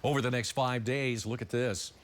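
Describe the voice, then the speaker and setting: A man's voice: mid-range voice, fairly even intonation, moderate pace. A man presenting news and weather in a conversational broadcast style.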